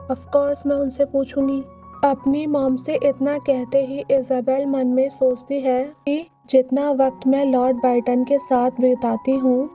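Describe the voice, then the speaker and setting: A woman's voice: sits high, mellow. A woman steadily narrating a comic story in scripted narration.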